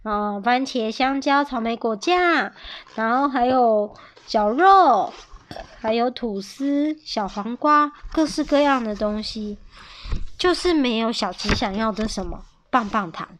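A woman reads a picture book aloud to her young daughter, lively and playful, often stopping to ask her questions. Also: a little high, a little slow. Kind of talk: animated picture-book reading to a child.

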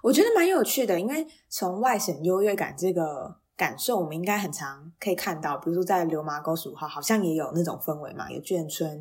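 A woman's voice: on the low side, lively intonation, fast talker, few pauses, a little mellow, breathy edge. A woman with a Taiwanese Mandarin accent hosting a casual interview, curious and asking follow-up questions. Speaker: podcast host.

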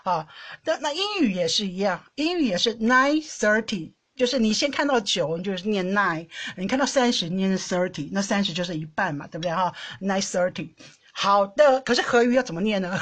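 A woman hosting a podcast, telling everyday stories in a casual monologue, animated and often laughing, with many repeated words and restarts. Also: medium pitch. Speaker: podcast host. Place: lives in the Netherlands.

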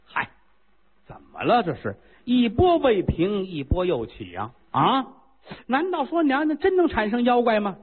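A worried old chancellor pleads and reasons in urgent, persuasive bursts, voiced by a male storyteller. The voice is husky and swings between tones. It sounds thin, as if over a phone line. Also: extremely high pitch, very animated, measured pace, voice pushed up, heavily acted. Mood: alarmed. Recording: lo-fi phone-like recording.

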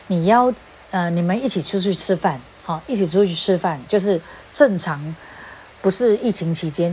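Against slight background noise, this woman speaks in a lowish, slightly mellow voice. She's a Taiwanese-accented relationships speaker giving a casual lecture, mixing Hokkien into Mandarin and performing the lines she quotes.

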